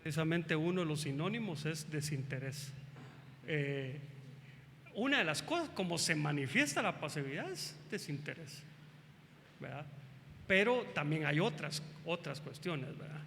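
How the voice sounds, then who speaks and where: A man preaching as pastor at a family church service, emphatic and animated, addressing the congregation with questions. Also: on the high side, measured pace, gravelly, in a large hall, a little hiss or hum.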